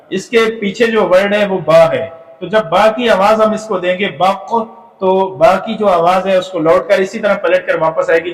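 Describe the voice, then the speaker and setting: A man teaching a tajweed lesson from slides, explaining patiently with filler pauses and sounding out demonstration syllables. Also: sits high, roomy sound, far from the mic, low-quality recording. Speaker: Quran recitation teacher.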